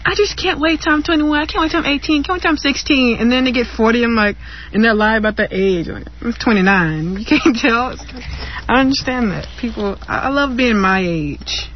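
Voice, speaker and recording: A man's voice: extremely high pitch, a little fast. Opinionated teenage boy, lo-fi. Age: teens. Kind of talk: casual group chat. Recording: dull lo-fi recording with faint noise.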